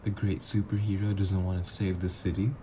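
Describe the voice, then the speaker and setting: Speaking a little fast in a low-pitched, flat, lightly acted voice, a voice actor plays a teasing supervillain ex in an ASMR roleplay. He's playful and flirtatious, with a noisy background behind him.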